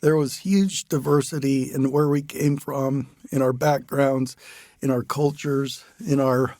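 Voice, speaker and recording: With a medium-pitched, steady voice at a slightly slow pace, an older podcast host and writer leads a casual interview, recorded dry. He keeps things easygoing and good-humored, laughing often and restarting phrases as he goes.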